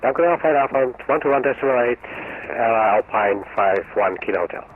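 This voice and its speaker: A man's voice: mid-range voice, animated, a little fast, husky. Man on a tinny cockpit headset radio. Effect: pilot's voice through a cockpit headset radio. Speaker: pilot on the radio. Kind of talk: clipped radio readbacks in aviation phraseology. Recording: tinny narrow radio channel with faint music.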